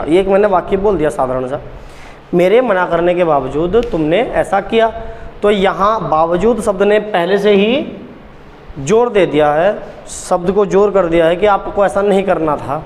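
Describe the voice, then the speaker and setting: Man teaching slowly in an echoey room. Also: high voice, slight background noise. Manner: repeats key points and quizzes the class with questions. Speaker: Hindi grammar teacher. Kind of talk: blackboard lesson.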